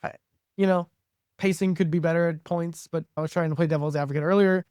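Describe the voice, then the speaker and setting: A man's voice: a little high, fairly even intonation, quick pace, darkish tone, smooth, no echo, studio quality. A man co-hosting a podcast, chatting casually with lots of fillers. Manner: chatty, filler-heavy with frequent "like". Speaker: podcast co-host. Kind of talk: casual chat.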